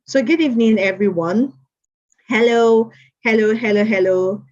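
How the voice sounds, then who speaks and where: This woman speaks at a moderate pace, her pitch fairly high but her tone darkish. Hosting an online mentorship session, she chats, reads out attendees' names, and keeps repeating greetings, all captured in dull lo-fi stream audio.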